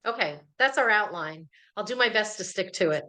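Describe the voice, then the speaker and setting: A woman presenting a speaking workshop on a video call, lively and laughing between points. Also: medium pitch, a little fast, rough recording. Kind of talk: live online workshop talk.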